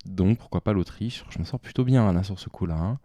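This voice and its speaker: Homme à la voix grave et sombre, commentant son jeu. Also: male voice, deep voice, brisk, dark tone, dry recording, lo-fi sound. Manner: thinks aloud, talks to himself. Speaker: game commentator. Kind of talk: live game commentary.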